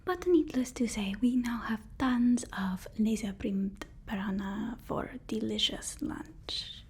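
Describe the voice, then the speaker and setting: Whispering in a halting, soothing, deferential way, a woman plays the anxious, devoted assistant of a supervillain for an ASMR roleplay. Her voice sits on the high side with a darkish tone and a slight hiss or hum.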